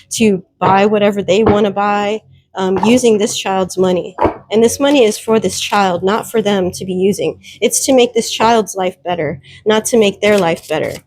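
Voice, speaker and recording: A woman's voice: medium pitch, darkish tone, slight background noise. A woman giving a solo tarot reading, speaking emphatically, repeating her warnings and addressing viewers directly. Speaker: tarot reader.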